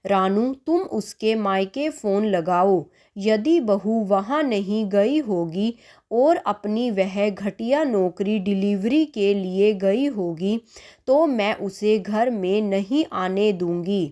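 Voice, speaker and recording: A stern middle-aged mother-in-law scolds indignantly in a storybook tale, as a woman puts her on. She talks slowly and unhurriedly, pressing each complaint home. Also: mid-range voice, warm tone, lightly acted. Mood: angry.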